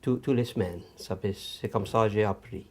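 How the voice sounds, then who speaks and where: A middle-aged man, an assistant principal talking in an interview in a halting, measured way with frequent pauses. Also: lowish voice. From Louisiana, United States. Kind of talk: interview talk.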